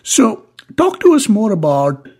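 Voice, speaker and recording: A man's voice: high-pitched, huge pitch swings, a little slow, vocal fry, a little mellow, slightly rough. A man with a non-native English accent hosts a casual interview, phrasing his questions in a hesitant, conversational way. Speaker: podcast host interviewer.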